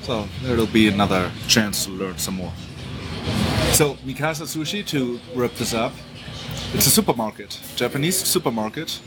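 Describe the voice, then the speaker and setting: A man in his forties with a German accent, chatting casually as a podcast co-host, often hesitating and restarting. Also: medium pitch. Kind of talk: casual chat. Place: Japanese supermarket. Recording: noisy crowded shop. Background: crowd chatter.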